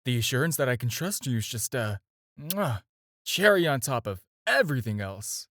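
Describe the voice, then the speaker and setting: A man voices a flirtatious, persuasive supervillain who talks straight to the listener in a dry audio roleplay without room sound. His mid-range voice is very animated, bright, and forceful, earnest and charming, swinging widely in pitch as he coaxes and teases with drawn-out, hesitant pauses.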